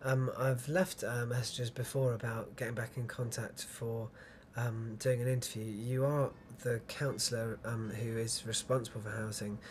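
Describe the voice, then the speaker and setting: A man's voice: medium pitch, little pitch movement, normal speed, few pauses, a little hiss or hum. A man leaving a voicemail to ask for an interview, hesitant and full of ums. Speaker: documentary filmmaker.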